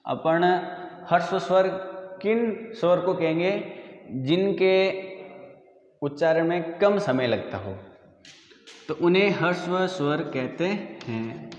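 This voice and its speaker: Male schoolteacher, slightly high voice, unhurried and repetitive, roomy classroom reverb. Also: muffled recording. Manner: slow, patient, repeats definitions and quizzes students. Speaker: school teacher. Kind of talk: classroom grammar lesson. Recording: echoey room with long reverb.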